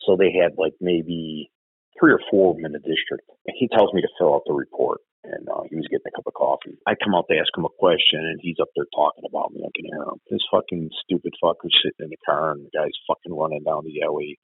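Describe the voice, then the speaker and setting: A middle-aged man, a retired police officer telling stories in an interview, profane and animated. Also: very deep voice, fast, slightly rough, no room sound, narrow, tinny audio. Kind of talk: storytelling in an interview.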